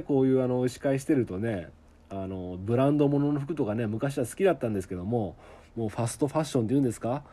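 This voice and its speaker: Host: man from Okayama, middle-aged, chatty solo talk, mellow tone, lively pitch swings. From Okayama, Japan. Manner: chatty, laughing often, asking listeners questions. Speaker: podcast host. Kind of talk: solo casual talk to listeners.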